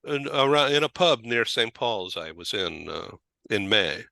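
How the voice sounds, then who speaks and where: A man's voice: fairly low pitch, expressive, measured pace, creaky, pushed and bright, no echo. An American man hosting a talk show, chatting casually with many fillers and restarts. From United States. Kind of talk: casual interview chat.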